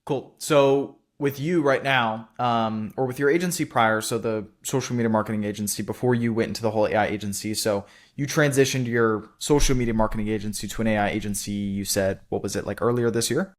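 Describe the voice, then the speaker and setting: A man hosting a casual interview, chatty and loose in his phrasing, with quick affirmations. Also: on the low side, fairly even intonation. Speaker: interviewer host.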